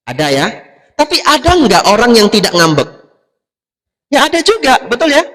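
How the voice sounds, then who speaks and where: A man's voice: very high voice, very animated, normal speed, fairly bright tone. A man who is a Buddhist monk from Indonesia, giving a conversational sermon to an audience. He often asks the audience to confirm his points and acts out the people in his stories. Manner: acts out quoted characters. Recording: long reverb of a hall.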